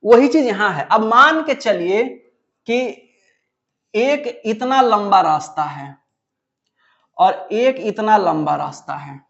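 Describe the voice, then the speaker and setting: High-voiced male physics teacher. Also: expressive, slow, vocal fry, long pauses, fairly bright tone, dull audio. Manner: repetitive, asks questions then answers them himself. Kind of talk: classroom lecture.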